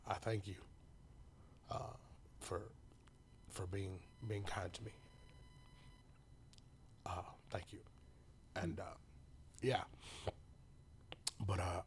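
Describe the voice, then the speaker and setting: A man telling his personal story as a podcast guest, halting and full of restarts, sometimes dropping to a whisper. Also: lowish voice, a little hiss or hum. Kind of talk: emotional personal testimony.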